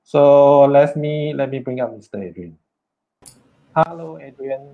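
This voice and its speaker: A man's voice: medium pitch, a little slow, narrow, tinny audio. A Malaysian man hosting a live online workshop, hesitant and full of "okay" and "uh" fillers. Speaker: workshop host.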